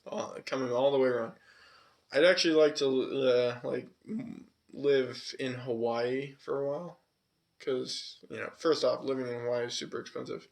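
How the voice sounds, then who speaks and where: A creaky, darkish-toned voice at medium pitch and normal speed belongs to this podcast co-host. He's from California with a light Southwestern touch, and his rambling, casual chat is full of fillers and swearing.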